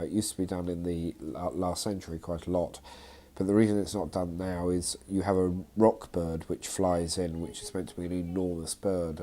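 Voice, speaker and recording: A theatre company director speaks off the cuff in an unscripted interview. His voice is deep and mellow, with faint noise in the background.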